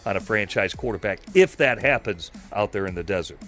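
A man's voice: fairly low pitch, expressive, a little fast, fairly bright tone, soft background music. A man analyzing football on a radio show, rambling through long analytical points. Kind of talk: sports radio talk.

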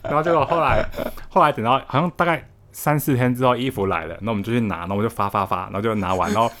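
Fast-talking young man, Taiwanese Mandarin. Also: medium pitch. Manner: animated, laughing anecdote-telling with many restarts. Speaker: guest storyteller. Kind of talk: casual chat.

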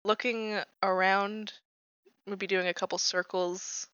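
A slightly lo-fi, very dry recording of a woman playing a tabletop game. Her voice is bright and forceful, and she moves casually between teasing banter and character lines. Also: medium pitch, flat delivery, slow, clear, resonant tone, no echo.

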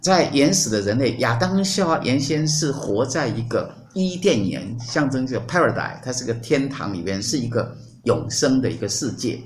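A man hosting a podcast, retelling a myth in a lively, playful way. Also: medium pitch, moderate pace, few pauses. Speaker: podcast host. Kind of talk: storytelling in casual chat. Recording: roomy recording with faint hum.

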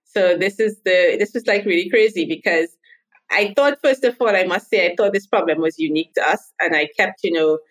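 A woman in her thirties speaks as a podcast guest. She tells stories from her working life in a chatty way, and her voice sits fairly low. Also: fairly quick, rough recording. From Trinidad and Tobago. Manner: chatty storytelling. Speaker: guest, marketing consultant. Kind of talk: podcast interview.

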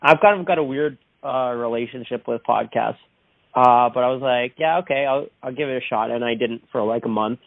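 Guy on a tinny phone call, dry close sound, rambly and self-deprecating, medium pitch. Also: fairly quick, vocal fry, dry recording. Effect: heard over a phone line. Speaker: interview guest, musician. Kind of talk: casual chat. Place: at home indoors.

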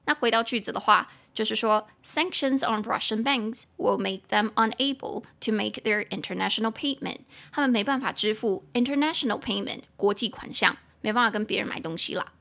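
A woman hosting a casual podcast lesson, translating phrase by phrase and spelling words letter by letter, chatty and quick to joke. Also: medium pitch, creaky, sharp tone. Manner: chatty and joking, laughs easily. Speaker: English teacher and podcast host.

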